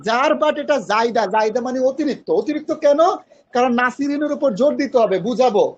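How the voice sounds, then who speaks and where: High-voiced man teaching grammar online. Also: fast talker, dull audio. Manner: patient, questioning students, mixes English terms. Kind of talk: online class explaining grammar.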